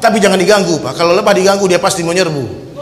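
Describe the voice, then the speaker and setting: Male preacher, high voice, booming, long hall reverb; swings quiet to shouting. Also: fast talker. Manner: forceful, swings from low asides to loud shouted exhortations. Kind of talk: fiery Islamic sermon. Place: large hall with crowd. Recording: echoey hall with crowd noise.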